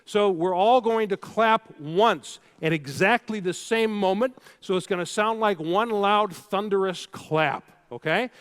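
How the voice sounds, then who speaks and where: In a large hall packed with a live audience, a male keynote speaker tells a story and runs the crowd through drills with animated energy. His voice sits high and flows smoothly at a measured pace, with hardly any pauses.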